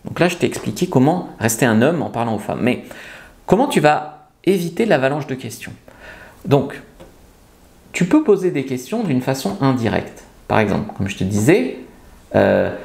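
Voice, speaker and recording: A man's voice: medium pitch, sing-song, moderate pace, creaky, darkish tone. A man coaching viewers on how to talk to women, speaking bluntly and emphatically straight to the viewer and sometimes acting out pickup lines. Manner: acts out nervous and confident pickup lines. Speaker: seduction coach. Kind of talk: direct-to-camera advice video.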